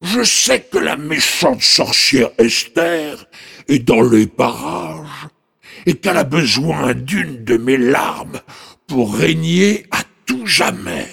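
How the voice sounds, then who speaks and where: A man voicing a sad, lovesick male ogre with a big gruff voice, slow and mournful, rising into high wails. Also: sing-song, sharp tone, full character voice. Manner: slow, mournful, swings between low rumble and high wails.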